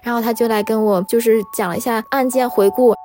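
A woman from China recounting a personal story in an animated, emotional way, with many fillers. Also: fairly high pitch, fast talker.

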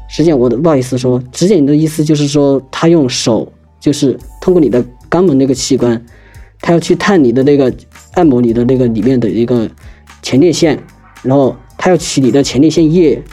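Young male storyteller, rapid and rambling, mellow husky tone, lots of restarts. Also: mid-range voice. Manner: rambling, hesitant, with many restarts. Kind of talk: casual spoken personal story.

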